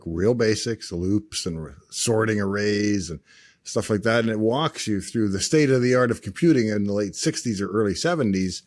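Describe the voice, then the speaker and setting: A man's voice: fairly low pitch, no room sound. A middle-aged man with a Canadian accent, casually explaining old computer tech with dry jokes. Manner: dry joking, relaxed explaining. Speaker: show host.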